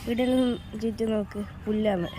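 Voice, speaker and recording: A woman's voice: medium pitch, normal speed. A woman vlogger narrating a casual temple visit outdoors, keeps calling out to viewers as "guys" while pointing things out. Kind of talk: casual travel vlog narration. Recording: outdoor recording with steady background noise.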